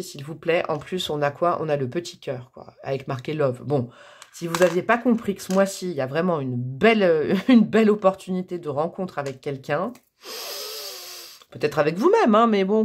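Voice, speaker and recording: A woman's voice: fairly low pitch, animated, moderate pace. A woman giving a casual tarot reading, talking to her viewers in a chatty, playful way. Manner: chatty and playful, joking and laughing at herself; talks straight to viewers, coaxing and encouraging. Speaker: tarot card reader.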